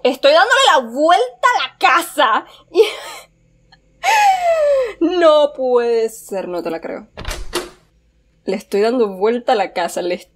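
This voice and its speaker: A young woman commenting on a horror game as she plays it, joking with viewers and letting out sudden shrieks. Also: medium pitch. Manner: nervous, jokey, talks to viewers, sudden shrieks. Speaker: gameplay streamer.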